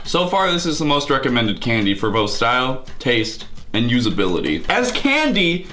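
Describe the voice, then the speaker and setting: Animated, bright-voiced man taste-testing sour candy. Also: mid-range voice, moderate pace, reverberant. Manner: eating and tasting sour candy while talking; mock-dramatic, exaggerated exasperation. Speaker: host of a candy taste test. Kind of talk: casual comedic food review vlog.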